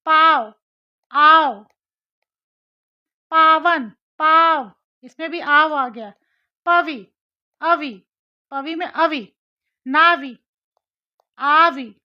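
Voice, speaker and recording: High-voiced woman teaching a grammar lesson. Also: drawn-out words, long pauses. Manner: explains step by step, repeating syllables and asking rhetorical questions. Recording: slightly dull lo-fi audio.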